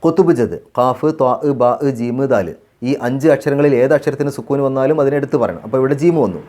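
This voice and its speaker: In this tajweed lesson, a man from Kerala, India, first recites Quranic verses in a slow, melodic chant. Speaking in a mid-range voice, he then walks through the recitation rules calmly, one step at a time, and repeats phrases so the pronunciation is clear.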